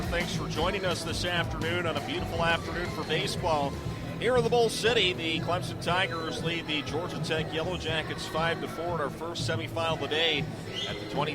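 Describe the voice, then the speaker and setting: Calling live sports on the radio, a middle-aged play-by-play announcer delivers measured, clipped phrases in a fairly high-pitched voice.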